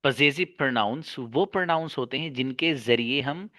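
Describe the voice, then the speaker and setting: Bright and forceful at medium pitch and normal speed, a man's voice comes through with no echo. He's giving an explanatory English grammar lesson, repeating key terms, asking rhetorical questions, and calling listeners "babu" with affection.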